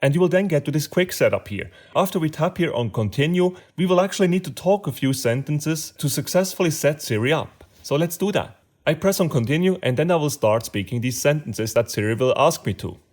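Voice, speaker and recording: A man with a heavy German accent talks through a tablet tutorial step by step. His voice sits a little high for a man. His delivery is friendly and explanatory. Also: expressive, brisk, hardly any pauses, darkish tone. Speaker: tech tutorial presenter. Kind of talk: screen-recording tutorial narration.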